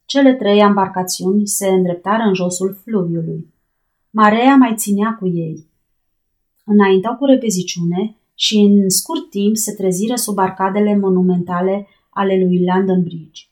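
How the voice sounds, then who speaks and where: Woman reading an adventure audiobook. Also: medium pitch. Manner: lively, raising her voice for shouted lines. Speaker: narrator. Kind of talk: audiobook reading with voiced dialogue.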